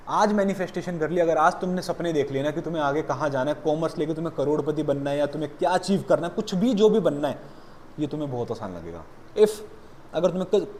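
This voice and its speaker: Man lecturing on accounts, fatherly scolding tone, slightly high pitch, faint room hum. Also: a little mellow. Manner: calls students "beta", blunt motivational scolding. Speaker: accountancy teacher. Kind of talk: classroom lecture.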